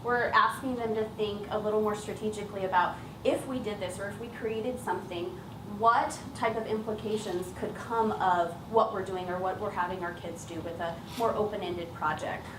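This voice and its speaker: A woman teacher, acting as lead trainer, gives a semi-prepared public presentation about her work in an informal, explanatory way. Her voice is medium-pitched with fairly even intonation and a normal pace. The event room is echoey, and the distant mic picks up a roomy sound with clearly noisy background.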